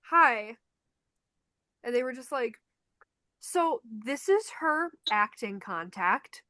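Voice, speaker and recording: Fairly high-pitched and speaking slowly, a young woman from Chicago tells stories on the podcast she co-hosts, animatedly acting out the quotes in casual chat. She's a concert photographer with a Chicago accent, and the studio sound is clean with no room noise.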